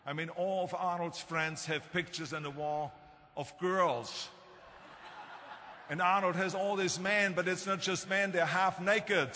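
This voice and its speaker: A man's voice: high voice, steady tone, measured pace, sharp tone, slight background noise, voice pushed up. Man with a German accent putting on a shocked mother. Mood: exasperated. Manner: exasperated, pleading. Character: shocked, worried mother, middle-aged woman. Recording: reverberant hall, faint ambience.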